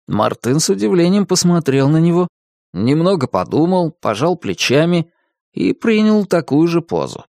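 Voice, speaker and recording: A narrator giving a playful, expressive reading of a children's storybook in a scripted narration style. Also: mid-range voice, moderate pace, creaky, no room sound, studio quality. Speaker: audiobook narrator.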